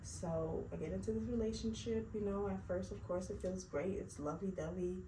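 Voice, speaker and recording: A woman's voice: mid-range voice, fairly even intonation, a little fast. A woman in her late twenties telling her personal faith testimony in an earnest, chatty way, with lots of fillers. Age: 20s. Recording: roomy, distant mic, noisy background.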